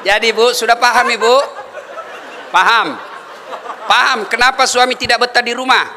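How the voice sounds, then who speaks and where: Male preacher, humorous sermon, high and bright voice, reverberant hall with faint noise. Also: normal speed, a faint crowd. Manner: animated, chuckling, addresses the audience directly. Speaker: Islamic preacher.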